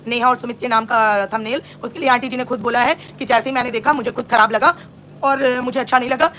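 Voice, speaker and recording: Woman livestreaming gossip, high voice, sarcastic and scolding, mocks someone straight to their face. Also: steady tone, fast, fairly bright tone, a little hiss or hum. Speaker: live-stream vlogger. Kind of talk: live-stream gossip commentary.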